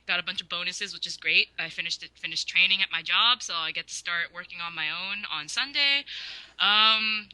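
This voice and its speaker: Bright, relaxed podcast co-host. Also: mid-range voice, clean tone, no room sound, rough recording. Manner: relaxed, reads aloud from a web page. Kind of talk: casual chat.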